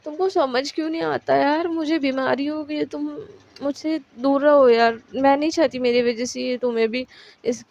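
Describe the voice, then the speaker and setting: A woman's voice: sits high, steady tone, moderate pace, gravelly, a little mellow, lo-fi sound, voice pushed up. A woman voicing a frightened young woman, tearful and desperate as she pleads. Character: frightened, tearful young woman pushing her lover away.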